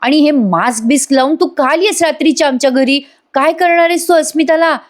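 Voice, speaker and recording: A woman's voice: high voice, a little fast, pitched above the performer's own voice, close to an everyday voice. Woman doing a frantic, stammering young woman. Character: panicked young woman pleading.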